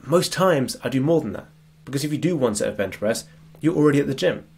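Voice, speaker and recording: This fast-talking man has a medium pitch, lively intonation, vocal fry, and a darkish, slightly rough tone, and he's sniffly from a cold. As a productivity coach, he gives a relaxed screen-share lecture over his slides, frequently checking in with "right?"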